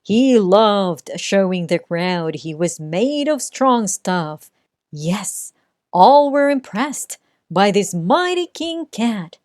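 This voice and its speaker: A woman reading a rhyming children's story aloud in a sing-song way, with dramatic pauses. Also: medium pitch, sing-song, darkish tone, dry recording, clean studio sound. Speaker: storybook reader. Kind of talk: children's read-aloud narration.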